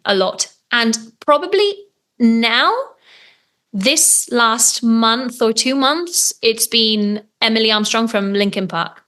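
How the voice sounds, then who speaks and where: A woman's voice: medium pitch, sharp tone. A young adult woman, a metal singer, chatting enthusiastically in an interview, with plenty of ums and restarts. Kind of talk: casual interview chat.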